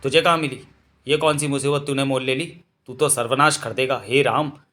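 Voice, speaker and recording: A man's voice: mid-range voice, steady tone, moderate pace, sharp tone, close to an everyday voice. A man voicing an anxious village mother who scolds her son, in a storybook reading. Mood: scolding.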